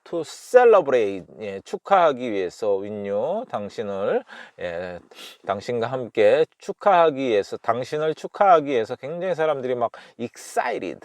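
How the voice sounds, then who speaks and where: A Korean man teaching English pronunciation. He sounds each phrase out slowly and repeats it, then explains it with many fillers. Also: medium pitch, big pitch swings, a little mellow, no room sound.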